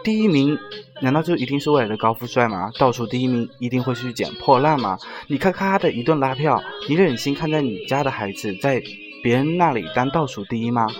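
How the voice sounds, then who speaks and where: A man's voice: medium pitch, expressive, fairly quick, music in the background. A man telling a personal story in a casual, sarcastic rant, mocking the people he quotes.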